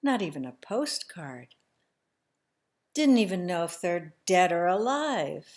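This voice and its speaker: A woman telling a family story in the first person, slow and emotional, sometimes dropping to a hushed near-whisper. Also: on the low side, very animated.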